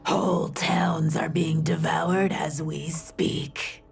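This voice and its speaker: A woman voicing a cruel, gleeful rotting undead man who taunts in a slow, rasping whisper. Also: sits low, little pitch movement, soft background music, heavily acted. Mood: sinister.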